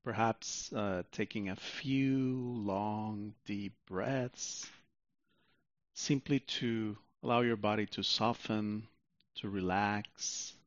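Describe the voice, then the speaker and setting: A man narrating a guided sleep meditation like a sleep story, soothing and unhurried, with long pauses, on a muffled recording. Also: fairly low pitch, fairly even intonation, no echo.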